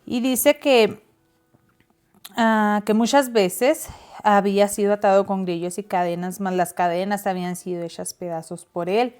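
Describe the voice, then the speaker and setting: A woman's voice: mid-range voice, steady tone, measured pace, darkish tone, clean tone. A woman co-hosting a casual Bible discussion, reading verses aloud and explaining them. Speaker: Bible study co-host.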